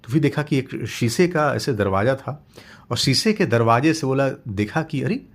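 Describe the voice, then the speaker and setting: A man's voice: mid-range voice, lively intonation, moderate pace. A middle-aged man telling a motivational story off the cuff, with fillers and repeated words. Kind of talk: casual spoken story narration.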